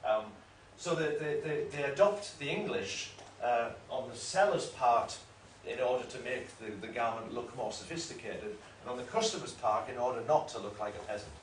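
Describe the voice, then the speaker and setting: A man's voice: medium pitch, animated, moderate pace, few pauses. A man giving an academic lecture in a discursive, explanatory way, often correcting himself. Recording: roomy room, mic at a distance, faint noise.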